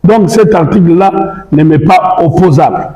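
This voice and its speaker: A man's voice: high-pitched, normal speed, dark tone. Argumentative Congolese lawyer man, echoey room. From Congo (DRC). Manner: argumentative, methodical, citing law articles. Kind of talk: formal public statement.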